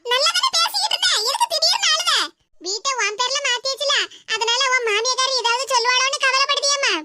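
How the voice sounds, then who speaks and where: A woman plays a proud, motherly village aunt in an animated cartoon, with a southern Tamil Tirunelveli-Kanyakumari accent. The voice sits extremely high, with a sharp, bright edge. She comforts the people around her in an affectionate and dramatic way. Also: a little fast, a little hiss or hum, heavily acted. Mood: comforting. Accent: southern Tamil, Tirunelveli-Kanyakumari dialect. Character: proud, warm-hearted aunt, a middle-aged village woman.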